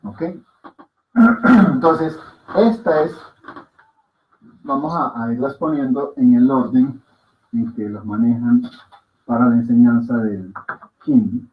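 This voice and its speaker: A male teacher leads a class at an unhurried pace. He patiently sounds out each vowel and checks in with the room. The recording is dull and lo-fi. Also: mid-range voice, slight background noise. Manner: patient, demonstrative, repeats sounds and checks for understanding. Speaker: language teacher. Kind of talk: classroom lesson.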